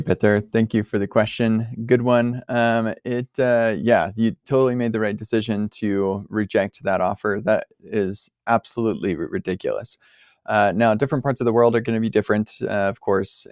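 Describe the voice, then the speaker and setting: Guy with a lowish voice answering a listener, chatty and emphatic, lots of ums, dry close sound. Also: a little mellow, no room sound. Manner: conversational, many fillers and restarts, emphatic. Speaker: podcast host answering a caller. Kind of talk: casual spoken advice.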